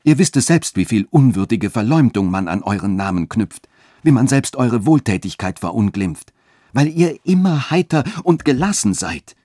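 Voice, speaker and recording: A man's voice: medium pitch, a little mellow, slightly rough, no echo, studio quality, voice pushed up. A man voicing a passionate young lover who pleads fervently and urgently.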